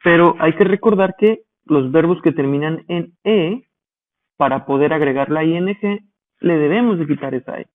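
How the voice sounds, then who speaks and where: A male teacher giving a grammar lesson, explaining rules slowly and spelling out letters, pausing to check that listeners follow. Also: on the high side. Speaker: English teacher. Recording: tinny phone-like audio.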